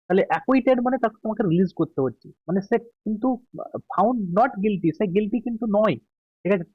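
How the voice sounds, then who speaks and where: An exam tutor with a Bengali accent works through answer keys at a slow pace, drawing out his English words and checking in frequently. His voice is high, the recording has no echo, and the upper frequencies are cut off.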